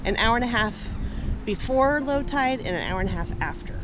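A woman's voice: a little high, expressive, a little fast, background noise. Forties woman, chatty vlogger explaining sights outdoors, camera held close. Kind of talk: casual travel vlog. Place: outdoors at the shore and harbor.

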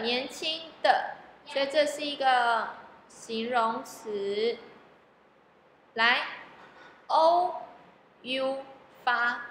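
A woman teaching phonics in a slow, patient way, repeating each word. Her voice is bright and a little high. The recording has a long, echoey reverb with faint ambience behind it. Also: slight background noise. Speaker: English teacher. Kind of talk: phonics lesson, spelling out words.

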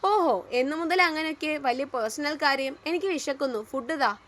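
A woman's voice: high-pitched, moderate pace, fairly bright tone. A woman voicing a brusque, teasing young husband in an audio story, speaking in short commands. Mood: commanding.

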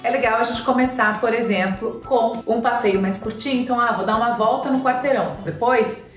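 With a somewhat high, brisk voice captured from afar, a pet vlogger in her thirties from Brazil gives advice to the camera while seated on her living-room sofa, using lots of fillers. The recording is roomy and off-mic, backed by quiet music.

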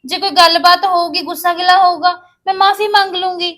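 A woman's voice: very high voice, little pitch movement, brisk, sharp tone. A woman playing a pleading young sister-in-law. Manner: defensive, pleading.

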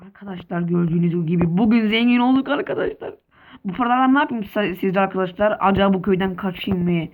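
Excitable woman narrating a game. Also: medium pitch, quick pace, phone-quality sound. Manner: excitable, keeps addressing viewers as friends, playful swearing. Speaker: gaming video creator. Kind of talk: game role-play commentary.

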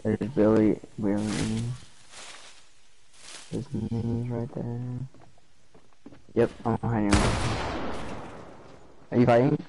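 A man's voice: on the low side, level tone, slow, creaky, long pauses. A man streaming a game, chatting casually and in slang with a teammate. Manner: slangy gamer talk. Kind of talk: casual gaming chat with a teammate. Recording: noisy game mic with clicks.

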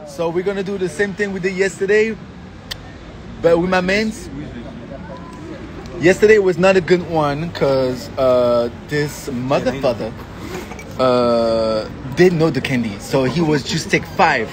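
A young man chatting casually in loose to camera and friends, animated and repeating short phrases. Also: fairly high pitch, measured pace, pauses often. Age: young adult. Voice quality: non-native English with loose grammar. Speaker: vlogger, host. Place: outdoor café terrace on a city street. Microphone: phone at arm's length. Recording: noisy busy street, outdoor café chatter.

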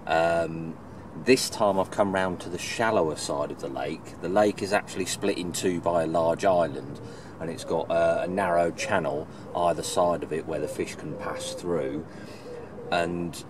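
A man, chatting casually to camera about his fishing trips. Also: low-pitched. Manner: chatty, relaxed updates with fishing terms. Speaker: angling vlogger and teacher. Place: outdoors by a lake. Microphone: camera mic at arm's length. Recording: outdoor noise behind voice.

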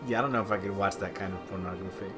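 A man's voice: deep voice, steady tone, racing, over loud music. A man streaming a city-building game, chatting casually, rambling, swearing and answering his chat.

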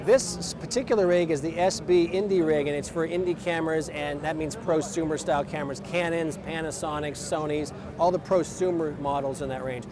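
A man's voice: fairly high pitch, steady tone, a little fast, hardly any pauses. A man in his forties casually explaining camera gear at an outdoor trade show booth, speaking into a lapel mic with plenty of fillers. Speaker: company president and filmmaker. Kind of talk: trade show equipment demo. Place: outdoor expo booth under an umbrella. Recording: outdoor crowd noise. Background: crowd chatter.

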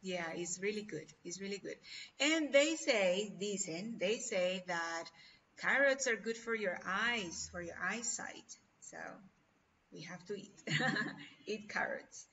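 A woman's voice: mid-range voice, animated, slow, bright, forceful tone, slight background noise. A Spanish-speaking woman teaching an online English class, encouraging and often checking in with "ok?". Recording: dull lo-fi video call audio, distant from mic.

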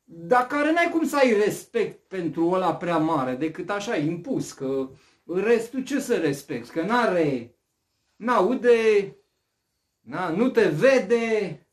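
A man preaching a sermon, asking rhetorical questions and swinging between loud and hushed speech. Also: sits high.

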